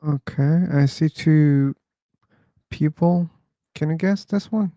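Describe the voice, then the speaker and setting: A man hosting a livestream talks in an unhurried, musing way, as if thinking out loud between callers. His voice is mellow and warm, set close and dry with no room sound. He drawls through the pauses at a very slow pace. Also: on the high side, no echo. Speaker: host of an online discussion livestream. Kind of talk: casual livestream chat.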